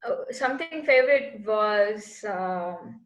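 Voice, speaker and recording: Speaking slowly and expressively at a medium pitch, a woman from Bangalore, India, guests on an interview as a space entrepreneur. Her casual answers earnestly trace her path as she hunts for words, and the recording has an echoey room sound.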